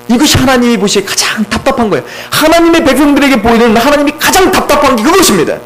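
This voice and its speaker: A man's voice: extremely high pitch, a little hiss or hum, poor audio. A man preaching a sermon as pastor, earnest and pleading, putting question after question to his congregation.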